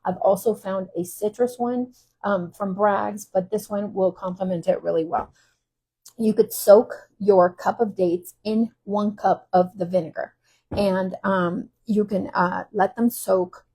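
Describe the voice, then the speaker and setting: A woman's voice: medium pitch, steady tone, unhurried, warm tone, husky. A woman hosting a casual cooking demo, chatting in a rambling way with frequent ums. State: teary from cutting shallots. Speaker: cooking channel host. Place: kitchen while traveling.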